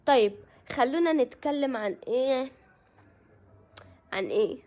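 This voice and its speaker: A woman's voice: high voice, expressive, unhurried, darkish tone. An Egyptian woman hosting a casual live stream, chatting with viewers and greeting them by name. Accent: Egyptian Arabic.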